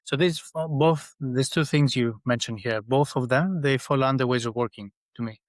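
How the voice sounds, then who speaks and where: A man's voice: medium pitch, normal speed, no echo. A middle-aged man from Greece, a guest in a podcast interview, speaking in a thoughtful way with many restarts. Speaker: guest, engineering leader. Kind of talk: conversational interview.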